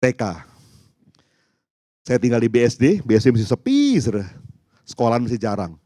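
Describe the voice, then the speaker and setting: A man's voice: medium pitch, a little fast, no room sound, clean studio sound. A man, telling stories animatedly and calling the congregation "saudara". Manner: animated storytelling, acting out voices, addressing the congregation as "saudara". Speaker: pastor. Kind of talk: sermon.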